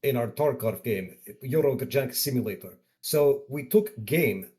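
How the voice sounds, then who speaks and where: A man's voice: mid-range voice, lively intonation, measured pace, mellow, lightly acted. A man voicing a hammy male game developer with an exaggerated mock Russian accent, as streaming banter.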